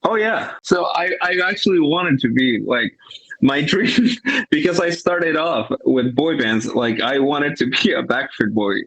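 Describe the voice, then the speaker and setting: Musician, rambling. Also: male voice, fairly high pitch, lively intonation, measured pace, fairly bright tone, breathy edge, lo-fi sound. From Peru. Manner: thoughtful, rambling with restarts. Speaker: musician guest. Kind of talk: casual interview chat.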